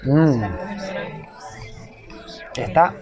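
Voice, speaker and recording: A man's voice: a little high, extremely slow, highs cut off. Man chewing while talking. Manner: enthusiastic, savoring food aloud. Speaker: food vlogger. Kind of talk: casual food tasting vlog. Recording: music playing behind.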